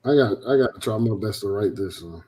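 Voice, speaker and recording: A man's voice: on the low side, lively intonation, fairly quick, crowd noise, poor audio. Casual man chatting on a call. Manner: casual, hesitant, lots of fillers. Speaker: congregation member. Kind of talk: casual chat on a group call.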